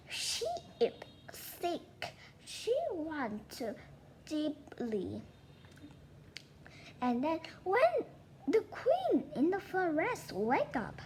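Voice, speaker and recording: Halting high-voiced woman retelling a fairy tale. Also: a little hiss or hum. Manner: halting, with restarts, simple non-native phrasing. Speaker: storyteller.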